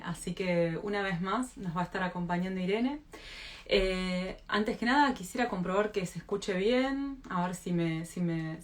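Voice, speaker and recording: Anfitriona argentina que duda al hablar. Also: female voice, fairly low pitch. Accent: Argentine Spanish. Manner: hesitant, many fillers and restarts. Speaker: host of a live stream. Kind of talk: casual live video chat. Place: Mar del Plata, indoors.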